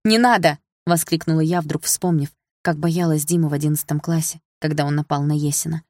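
A woman narrating an audiobook in the first person, calm and measured. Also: low-pitched, no room sound, studio quality.

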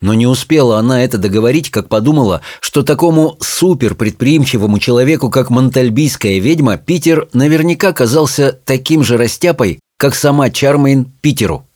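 A man reading a children's fantasy story aloud in an expressive storytelling manner. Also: mid-range voice, fairly quick, few pauses, no room sound, clean studio sound. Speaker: audiobook narrator. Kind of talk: audiobook reading.

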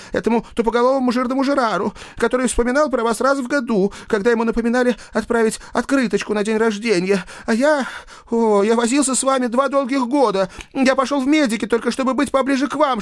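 A man doing a shrill, frantic young devil student. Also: no room sound, clean studio sound. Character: young male devil student, greedy, hysterical. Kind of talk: audiobook character voice.

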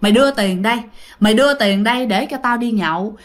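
A woman with a Southern Vietnamese accent voicing a rough, demanding drunken father in a ghost story. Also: fairly high pitch, fast talker, natural voice.

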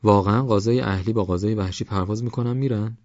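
A man's voice: on the low side, steady tone, darkish tone, no room sound, pitched above the performer's own voice, close to an everyday voice. A man voicing a shy, curious young man who asks questions. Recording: dull lo-fi audiobook with faint music.

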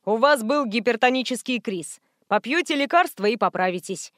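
A woman's voice: fairly high pitch, expressive, normal speed, a bit bright, dry recording, studio quality. A woman voicing a stern, irritable male doctor who talks in a firm, lecturing way.

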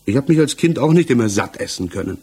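In a 1960s German radio play, an actor portrays a married village tradesman who is defensive and hesitant under questioning. His medium-pitched voice is expressive, husky and slightly mellow, and he sounds reflective and uneasy, halting and evasive as he searches for his words.

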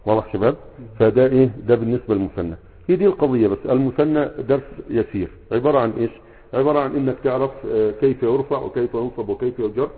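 The teacher is a sheikh with a husky, mid-range voice and an Egyptian accent, giving a grammar lesson. Prompting the class with fill-in questions, he regularly confirms that everyone is with him. Everything sounds tinny and phone-like, with the echo of a large hall.

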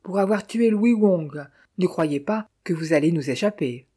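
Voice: medium pitch, lively intonation, moderate pace, dark tone, slightly rough. A narrator voicing a coarse, bullying police captain who talks sarcastically and blusters. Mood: blustering. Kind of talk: audiobook character voice.

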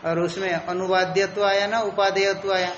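A man's voice: high voice, level tone, moderate pace, fairly bright tone, roomy sound, lo-fi sound. A man teaching a Sanskrit philosophy lecture, explaining step by step and repeating the key terms.

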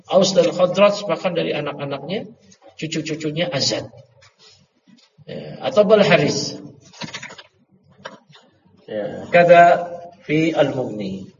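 A middle-aged man teaching an Arabic grammar class in a casual, chatty way, quizzing his students and slipping in joking asides. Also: on the high side. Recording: dull lo-fi audio with long reverb and faint noise.

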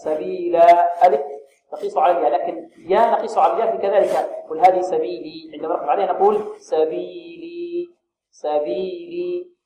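A man teaching Quran recitation, quizzing his students and modelling slow, drawn-out pronunciations. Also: high voice, steady tone, dark tone. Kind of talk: tajweed lesson with students. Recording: echoey room, faint noise.

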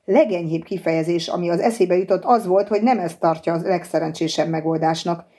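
A woman narrating a novel as an audiobook, in a steady, measured storytelling manner. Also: lowish voice, slightly rough.

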